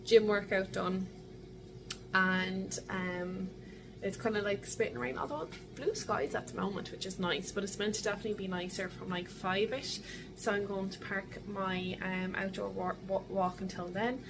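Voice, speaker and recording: A woman's voice: medium pitch, flat delivery, unhurried, noisy background. A young adult woman with an Irish accent, chatting casually and in a rambling way, as in a video diary. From Ireland. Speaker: vlogger.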